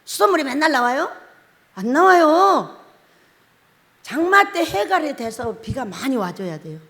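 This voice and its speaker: A woman's voice: high voice, big pitch swings, a little slow, fairly bright tone. A middle-aged woman pastor preaching a sermon, telling stories with laughs and acted-out quotes. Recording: long hall reverb.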